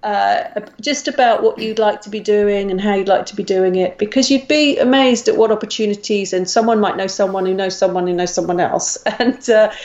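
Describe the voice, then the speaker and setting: A woman's voice: mid-range voice, steady tone, fairly quick, a little mellow. Chatty Australian woman with a slightly dull sound. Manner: chatty, with many ums and restarts. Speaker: career coach guest. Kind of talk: podcast conversation.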